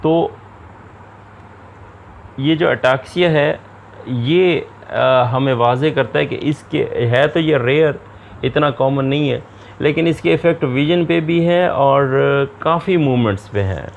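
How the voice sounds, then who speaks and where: A man giving a recorded lecture, reading out English lines slowly, then explaining them quickly in his own words. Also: fairly high pitch, vocal fry, slight background noise.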